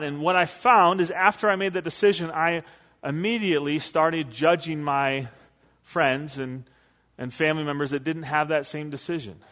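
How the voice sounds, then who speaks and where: Baptist pastor preaching in a reverberant hall. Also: male voice, fairly high pitch, fairly bright tone. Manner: conversational storytelling with quoted asides. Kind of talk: sermon.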